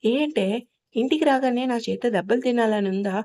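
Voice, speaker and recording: A woman's voice: on the high side, normal speed, warm tone, lightly acted. A woman voicing a hot-tempered young husband in an audio story, speaking harshly and threateningly. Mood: angry.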